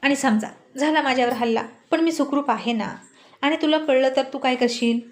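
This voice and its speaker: A woman's voice: sits high, brisk, natural voice. Woman voicing Rohit, a teasing young husband. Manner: gentle, teasing reassurance. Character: young male politician husband, teasing and caring.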